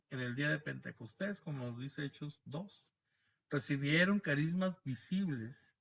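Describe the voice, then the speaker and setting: A man leads a Bible class over a video call, explaining step by step and often checking with listeners. His voice is bright and forceful and sits a little high for a man. The audio is dull and lo-fi, as on a video call. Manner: explanatory, frequent tag questions, restarts words.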